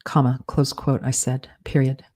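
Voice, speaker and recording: A writer reads a story into dictation software, calling out every comma, period and undo as they go. The voice is mellow and dark, and it stays on one level with little rise or fall. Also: medium pitch. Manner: measured, flat dictation, spelling out punctuation and corrections. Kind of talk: dictating fiction aloud with spoken punctuation commands.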